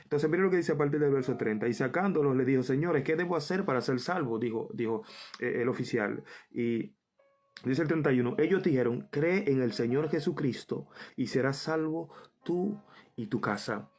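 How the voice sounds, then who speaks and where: A man's voice: medium pitch, expressive, normal speed, a little mellow, faint music behind. A man preaching a Bible study, reading verses aloud and repeating them for emphasis while calling the listeners brother.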